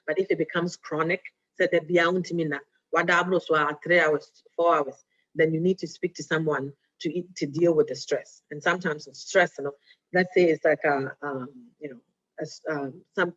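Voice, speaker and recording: A woman, a diabetes educator giving a casual health talk. She speaks conversationally, often checking in with "right?" and slipping Twi phrases into her English. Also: deep voice. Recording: dull lo-fi recording.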